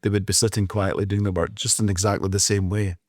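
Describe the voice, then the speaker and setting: In a studio-quality recording with no room sound, a Scottish former teacher co-hosting a podcast speaks fast in a lowish voice with little pitch movement. Loud and jovial, he swaps casual stories about the pranks he pulled in class.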